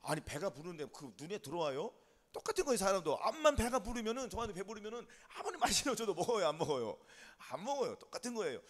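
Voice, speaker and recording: A man preaching a sermon as pastor, telling a story with lively questions to the congregation. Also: high-pitched, fast talker. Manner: animated storytelling with call-and-response questions. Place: church sanctuary. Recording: long church hall reverb.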